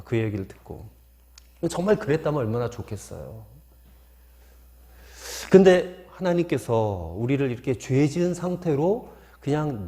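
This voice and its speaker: A male pastor delivers a sermon in a mellow, warm tone. His pitch rises and falls in animated swings as he asks rhetorical questions. He slips into folksy anecdotes to make his points. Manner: poses rhetorical questions to the congregation.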